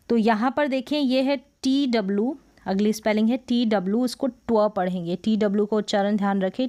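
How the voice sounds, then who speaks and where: A woman's voice: medium pitch, a little mellow. A woman teaching English pronunciation, repeating each word and asking then answering her own questions. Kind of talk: explaining a word list in a lesson.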